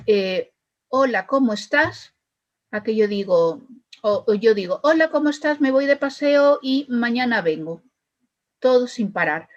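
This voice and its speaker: A woman's voice: mid-range voice, dull audio. A woman speech therapist, explaining her methods with worked examples and frequent fillers. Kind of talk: explaining to an interviewer.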